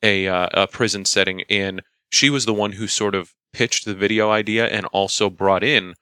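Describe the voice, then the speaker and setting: Man, low pitch, bright forceful tone, casual storytelling podcast host, dry recording. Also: fairly even intonation, moderate pace, clear, resonant tone, no echo. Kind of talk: casual chat, anecdotes.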